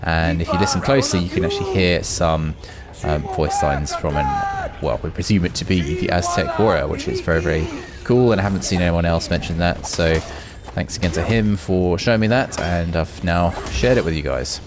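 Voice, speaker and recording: A man with a deep voice hosts a gaming video, offering casual, unscripted gameplay commentary and musing aloud as he goes. He talks at a moderate pace with hardly any pauses.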